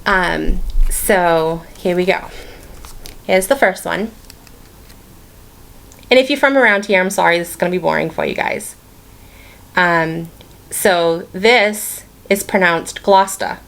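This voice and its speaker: A woman's voice: on the low side, slow, vocal fry, pauses often, a bit bright. A woman with a Boston-area accent, chatting casually in her stitching vlog and rambling with plenty of ums and restarts. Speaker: stitching vlogger. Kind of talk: casual hobby vlog chat.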